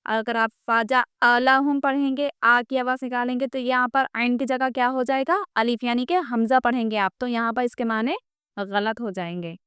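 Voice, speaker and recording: A woman's voice: a little high, steady tone, fairly bright tone, smooth, no echo, clean studio sound. A woman teaching a recorded Quran reading lesson. She patiently repeats letters one by one and stresses how throat sounds should be made. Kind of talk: recorded lesson, reciting letters and explaining pronunciation.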